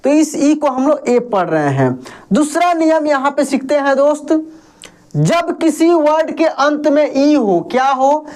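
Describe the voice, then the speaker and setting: A woman's voice: high voice, lively intonation, a little mellow. A woman teaching beginner English phonics, patiently spelling out words letter by letter and asking her listeners to read each one back. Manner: slow, patient, repetitive.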